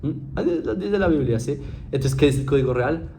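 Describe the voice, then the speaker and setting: A man's voice: a little high, expressive, moderate pace, creaky, warm tone, a little hiss or hum. A man giving an informal spoken lecture to viewers, conversational, often checking in with "¿sí?" and restarting his sentences. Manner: conversational, keeps asking "¿sí?" to check understanding; frequent fillers and restarts, mocking mimicry.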